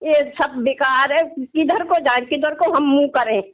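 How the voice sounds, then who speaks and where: A middle-aged religious devotee calls in and chats casually, complaining and sprinkling her phrases with little questions. Her voice is high and her pace unhurried. The narrow phone line gives everything a tinny sound.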